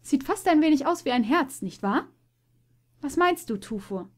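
A woman voicing a gentle young mother mare in a storybook reading, sweet and tender. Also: high-pitched, expressive, moderate pace, pitched above the performer's own voice.

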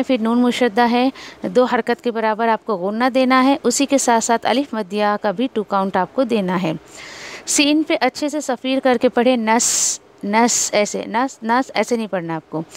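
A woman from India teaching Quran recitation rules, explaining each sound patiently and repeating syllables slowly to show them. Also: on the high side. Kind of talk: tajweed lesson, explaining and modelling recitation.

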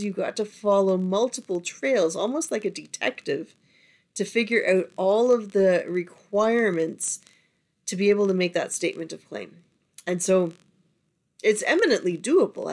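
A middle-aged woman from Canada teaching a recorded lesson, talking in an encouraging, conversational way while losing her voice. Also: mid-range voice. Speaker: instructor. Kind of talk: lecture over screen recording.

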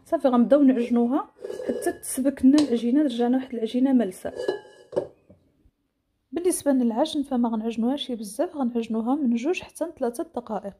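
A woman's voice: a little high, fast, warm tone, breathy edge. A woman with a Moroccan accent narrating a casual cooking tutorial as a home cook, explaining and rephrasing each instruction. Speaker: home cook presenting a recipe.

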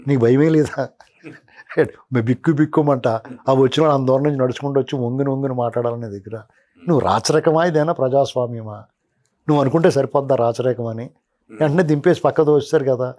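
A man's voice: medium pitch, fast, dark tone. A man giving heated political commentary as an analyst, scolding a politician directly.

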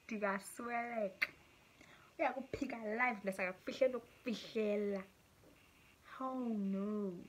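This time her voice is on the high side and unhurried. The young South African YouTuber, accent clear, reads her viewers' stories aloud, laughing often and animatedly slipping between English and Xhosa.

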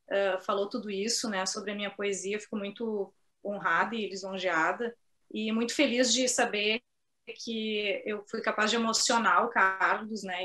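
A woman's voice: medium pitch, fairly bright tone. A middle-aged woman from southern Brazil, a poet chatting at her online book launch and reading her poems, often tagging her sentences with little questions. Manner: chatty, sprinkles tag questions, reads poems slowly. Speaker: poet and author. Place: home office on a video call.

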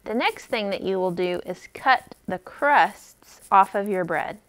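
Speaking in a mid-range, animated voice with a fairly bright tone, this library host in her thirties takes kids through a cooking demo one step at a time. She keeps a measured pace and offers simple, upbeat encouragement.

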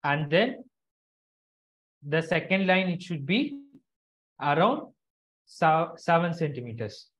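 With big pitch swings, a slow pace, and a slightly bright mid-range voice, a teacher takes children through a craft in an online class. She repeats instructions and checks they're keeping up; the call audio is dull and lo-fi.

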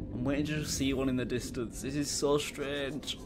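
A young gaming YouTuber from Middlesbrough, England, with a Teesside English accent, commentates a VR game while nervous and jumpy, swearing and yelping when something startles him. His voice is medium-pitched with fairly even intonation and a moderate pace. The background is noisy, with game music clearly audible behind him.

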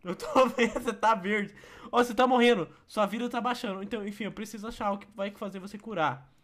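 A man's voice: sits high, fast talker, fairly bright tone. A young man with a Brazilian Portuguese accent hosting a gaming video, teasing his partner and breaking into shrieking laughter. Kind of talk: playful game commentary.

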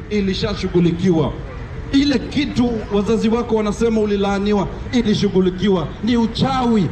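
A young Kenyan man preaches on a town street corner, his high voice carrying from a distance. He presses his message in repeated rhythmic phrases. The camera is far off, and traffic and street noise run under his voice. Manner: preaches in a call-and-response rhythm, mixing English and Swahili. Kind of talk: open-air street sermon.

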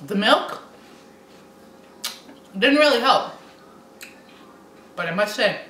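A middle-aged woman reacts to camera in casual chat while her mouth burns from spicy food. Her bright voice comes slowly and haltingly, broken by throat clearing and puffed breaths. She is recorded in an echoey room. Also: mid-range voice, lively intonation. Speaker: host of a food challenge video. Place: small indoor room with window blinds. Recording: echoey room with faint background noise.

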